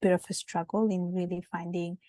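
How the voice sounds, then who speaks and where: Low, flat woman. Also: a little fast, no echo. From Italy. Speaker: podcast guest. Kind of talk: casual interview conversation.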